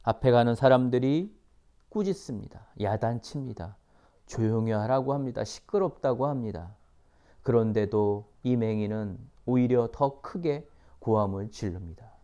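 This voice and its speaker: A man preaching a sermon, reading scripture and explaining it in slow, emphatic, repeated phrases, sometimes dropping to a whisper. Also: mid-range voice, dark tone, smooth. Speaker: missionary preacher.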